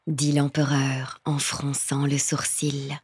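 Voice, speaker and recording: A woman narrating a literary tale in a slow, hushed, tender reading. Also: extremely low pitch, completely flat delivery, breathy edge.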